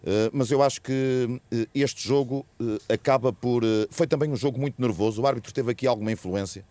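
A man's voice: medium pitch, fairly quick, dark tone, no echo. A man with a European Portuguese accent giving emphatic, opinionated football analysis in a panel talk.

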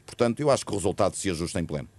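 A man's voice: low-pitched, expressive, racing, darkish tone, no room sound. A man with a European Portuguese accent giving emphatic, opinionated football analysis in a panel talk.

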